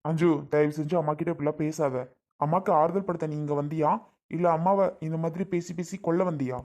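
A woman's voice: sits low, steady tone, brisk, mellow, lightly acted. A woman playing a worried grown son who pleads with and scolds his sister in a family skit. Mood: scolding.

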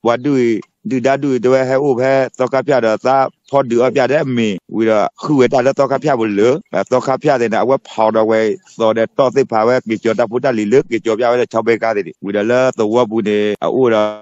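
A man co-hosting a casual chat, talking in long, rapid, run-on stretches. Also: medium pitch, steady tone, darkish tone, dry recording, dull audio.

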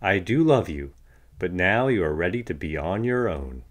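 A kindly father seahorse from a children's storybook, acted out by a man. He speaks politely and encouragingly, with expressive, swinging pitch that lifts above a deep base. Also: normal speed. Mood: tender. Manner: polite, expressive questions and praise.

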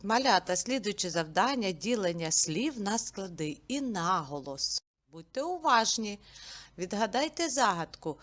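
A woman teaching a literacy lesson to small children, reciting riddles and slowly splitting words into syllables. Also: medium pitch, big pitch swings, fairly bright tone. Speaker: preschool teacher.

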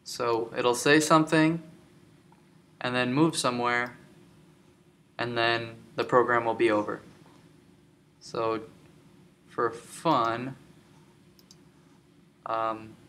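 A man giving a screen-recorded software tutorial, explaining step by step with many filler ums. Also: medium pitch, steady tone, slow pace, pauses often, a little hiss or hum. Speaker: tutorial instructor.

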